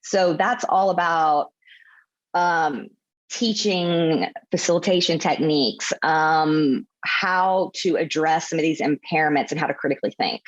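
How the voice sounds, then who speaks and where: A woman in her late thirties talks through her work in long, methodical runs as a guest on a casual interview. Her voice sits on the lower side, and the recording sounds dull and lo-fi. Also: a little slow. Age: 30s. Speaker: physical therapist guest. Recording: dull lo-fi audio.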